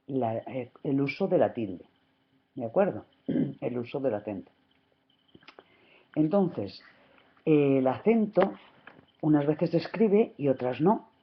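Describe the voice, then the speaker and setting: Slow, patient Spanish teacher from Spain. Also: female voice, extremely low pitch, breathy edge. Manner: patient, checks understanding often. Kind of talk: grammar lesson. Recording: dull lo-fi recording.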